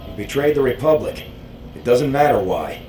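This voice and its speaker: An actor playing a steadfast, dutiful military lieutenant in a video game, firm and matter-of-fact. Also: male voice, medium pitch, lively intonation, moderate pace, darkish tone, natural voice. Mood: firm, resolute. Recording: roomy echo, faint music.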